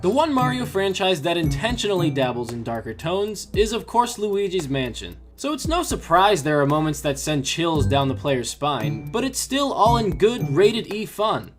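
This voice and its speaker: A man's voice: sits high, sing-song, normal speed, hardly any pauses. A man hosting a scripted countdown video, narrating in a theatrical, tongue-in-cheek storytelling manner. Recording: music behind the voice. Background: background music.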